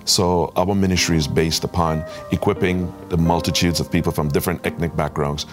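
A man's voice: sits low, little pitch movement, brisk, music in the background. A man from Trinidad and Tobago, a pastor giving an earnest testimony and exhortation. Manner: earnest, emphatic preaching cadence.

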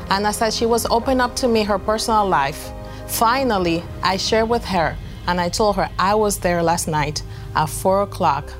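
A woman from the Republic, a pastor sincerely telling a personal story and often restarting her phrases. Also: medium pitch. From Dominican Republic. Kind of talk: personal testimony.

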